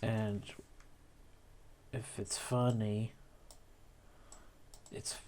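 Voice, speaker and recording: His voice is fairly low and darkish, with a flat delivery and drawn-out words. A video editor demonstrating an edit, he narrates a casual tutorial by musing aloud and using tag questions, while keyboard clicks and typing come through clearly in the background.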